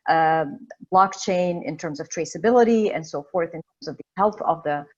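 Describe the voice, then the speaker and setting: A woman's voice: on the low side, moderate pace, highs cut off. A woman from Egypt speaking as a panelist in an online discussion, thoughtful and full of fillers and restarts. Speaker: webinar panelist. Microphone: video call.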